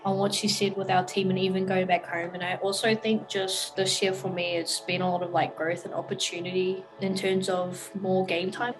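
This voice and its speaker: A woman's voice: fairly low pitch, flat delivery, normal speed, hardly any pauses, over music. A young woman who grew up between New Zealand and Australia, a college basketball player answering interview questions casually with many fillers. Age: young adult.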